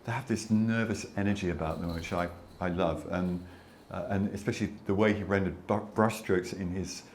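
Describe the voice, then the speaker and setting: Older man, very deep voice, photographer, reflective exhibition talk, faint room noise. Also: steady tone, brisk, darkish tone. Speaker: landscape photographer. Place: exhibition space before an audience.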